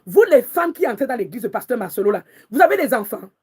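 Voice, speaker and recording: A woman's voice: fairly high pitch, very animated, fast talker, a little mellow, breathy edge. A woman prophetess preaching with passion and anger, crying out to God in prayer and repeating her words again and again. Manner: angry, repetitive, calls out to God.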